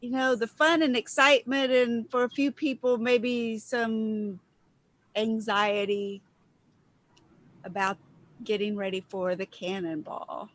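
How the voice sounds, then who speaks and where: High-voiced woman with a West Texas twang. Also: steady tone, slow, rough recording. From West Texas, United States. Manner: self-deprecating, chatty. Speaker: video contributor and guest. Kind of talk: casual chat on an online video show. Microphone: video call.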